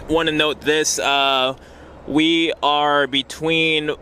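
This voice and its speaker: A man storm chasing, talking casually and technically with hesitant pauses. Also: fairly high pitch, flat delivery. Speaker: storm chaser. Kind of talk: casual vlog talk with weather readings. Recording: very loud vehicle and outdoor noise.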